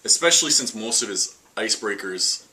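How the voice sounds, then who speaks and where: A young man hosting a casual card-game deck breakdown, reading card lists quickly and joking between them. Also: fairly low pitch, expressive, sharp tone, poor audio. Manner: quick, jokey list-reading with laughs. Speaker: host.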